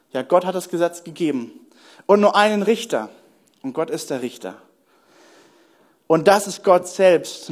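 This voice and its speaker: A young man with a fairly high voice delivers a sermon as a pastor. He speaks earnestly, poses questions to his listeners and leans hard on important words. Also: a little mellow. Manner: earnest preaching with rhetorical questions and slow emphatic stresses.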